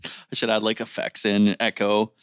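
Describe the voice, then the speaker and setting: A man co-hosting a podcast, telling stories in a laughing, animated casual chat. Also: lowish voice, moderate pace, smooth, dry recording, studio quality. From small-town upbringing. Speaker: podcast co-host.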